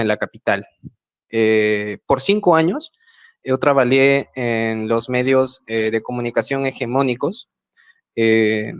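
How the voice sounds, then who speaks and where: A man's voice: mid-range voice, clear, resonant tone. Peruvian man speaking with many fillers. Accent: Peruvian Spanish. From Peru, central Andes. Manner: measured, with frequent hesitant fillers. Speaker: speaker at an online project meeting. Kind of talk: prepared talk at a web meeting. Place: home, remote video call. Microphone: video call mic.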